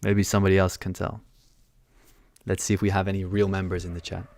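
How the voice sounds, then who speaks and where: A young man born in London hosts a live trading stream from a small indoor room, reading chat questions into a headset mic and answering them casually and offhandedly. His voice is deep, monotone and darkish, and he talks at a quick pace with no room sound.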